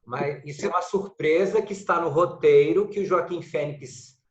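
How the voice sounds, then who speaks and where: A man's voice: a little high, normal speed, highs cut off. Brazilian man asking questions, echoey room. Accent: Brazilian Portuguese. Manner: questioning, anecdotal. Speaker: acting student. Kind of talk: class discussion.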